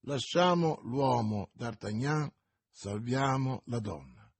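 Aramis, read by a man, calm and reasoning. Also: medium pitch, slow, slightly rough, exaggerated voice.

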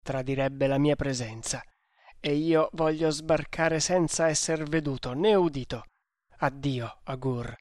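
A proud, fearless hunter from a storybook reading, as a man voices him, issuing curt orders that brook no reply. The tone is fairly high for a man and the sound is dry and close. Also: unhurried, dry recording, natural voice. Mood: commanding. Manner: commanding, curt.

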